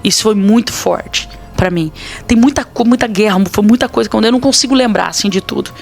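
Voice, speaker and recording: A woman's voice: medium pitch, a little fast, gravelly, soft background music. A woman pastor with a Brazilian accent, telling a personal testimony in a podcast interview in an earnest, dramatic way. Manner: earnest, dramatic storytelling with quoted dialogue.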